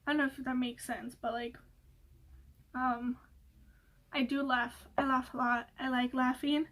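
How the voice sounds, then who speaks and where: A woman's voice: sits high, level tone, unhurried, a bit bright. A young woman vlogger chatting casually through a Q&A, rambling with many fillers and laughing often. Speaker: beauty vlogger. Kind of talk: casual Q&A chat.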